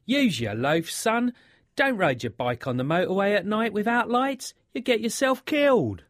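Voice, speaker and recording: A stern father scolding his son, his pitch riding high and leaping about as he warns. The sound is dry and close, with no room around it. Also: big pitch swings, moderate pace, dry recording. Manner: warning, scolding.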